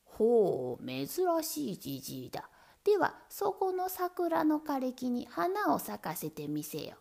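A woman narrator puts on a haughty old lord from a storybook, bellowing his orders. The voice is gravelly and husky, proud and loud, and it rides a lively, swinging pitch. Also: measured pace, heavily acted. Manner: booming, haughty commands. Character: pompous old male feudal lord on horseback.

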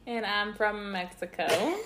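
A young woman talking slowly in a relaxed casual chat. She laughs often and fills her pauses with "um" and "like", restarting her sentences as she goes. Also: mid-range voice, slight background noise. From United States. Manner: giggly, halting, lots of fillers. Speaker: co-host.

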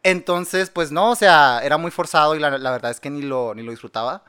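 A man's voice: on the high side, brisk, bright, forceful tone, clean tone. A young man with a Mexican accent, chatting casually, full of slang and swearing, laughing often. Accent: Mexican Spanish. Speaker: guest. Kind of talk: casual chat.

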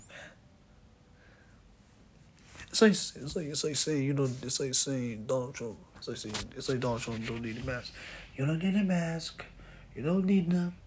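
A man's voice: mid-range voice, slight background noise. A man hosting a casual sports talk show, rambling and repeating himself, sounding exasperated and often calling the listener "bro.". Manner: rambling, repetitive, exasperated, says "bro" a lot.

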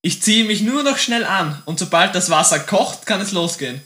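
A man's voice: sits high, expressive, normal speed, bright, forceful tone. Young man reading jokes, echoey room. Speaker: podcast co-host. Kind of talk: reading jokes in a casual chat.

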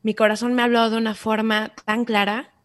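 A woman with a Mexican accent telling a personal story in an interview, animated and acting out voices. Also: a little high, moderate pace. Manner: animated, acts out quoted voices. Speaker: guest.

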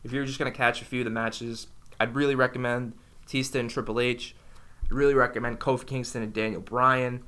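A young man with a bright, ringing voice chats casually as a podcast co-host. He rambles enthusiastically from point to point, his pitch sitting right in the middle of the male range. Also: little pitch movement, fairly quick. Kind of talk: casual chat.

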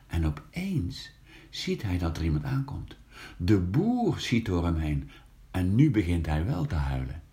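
A man reading a children's story aloud, slow and expressive, lifting his voice for the characters. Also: low-pitched.

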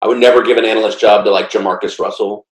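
A man's voice: fairly low pitch, steady tone, very fast, reverberant, poor audio. A man co-hosting a casual sports podcast, rambling and playful, with lots of fillers. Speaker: podcast co-host.

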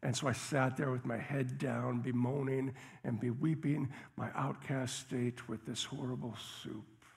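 A male pastor preaching a sermon and telling a story with lively emphasis. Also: medium pitch, unhurried, gravelly.

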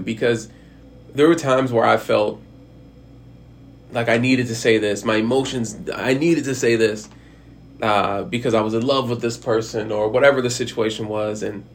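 Talking frankly and casually about how to handle difficult conversations, a man rambles, restarts often and swears now and then. His fairly low voice is creaky, with slight background noise.

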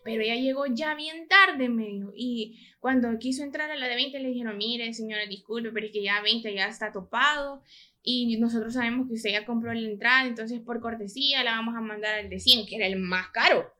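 A woman's voice: a little high, a little fast. A young woman with a Salvadoran accent chatting on a podcast, telling a story and acting out the voices of people in it. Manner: lively storyteller who acts out quoted voices. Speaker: podcast co-host. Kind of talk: casual chat.

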